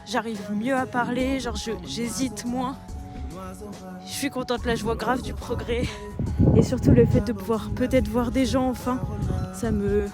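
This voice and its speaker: A young woman from France chatting casually into her phone in a slangy, animated vlog, laughing often. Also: a little high. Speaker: vlogger.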